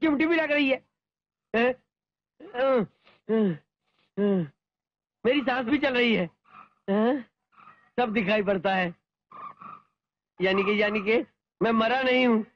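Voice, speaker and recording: A man's voice: extremely high pitch, takes it slowly, pauses often, no room sound. An actor dubbing a lecherous, boastful and cowardly man who swings between pompous sneering and whining pleas. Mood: giddy relief. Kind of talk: Hindi film dubbing. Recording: dull film soundtrack with music.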